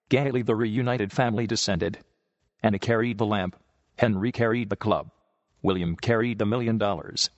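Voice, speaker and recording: A man reading a story aloud in a measured, steady storytelling manner, on a dull lo-fi recording with long reverb. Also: on the low side. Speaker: narrator.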